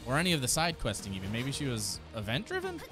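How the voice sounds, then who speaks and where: Game trailer music runs in the background as a man in his thirties, hosting a reaction video from a small indoor streaming room, comments enthusiastically in loose slang. His medium-pitched voice swoops wildly up and down, and he talks quickly.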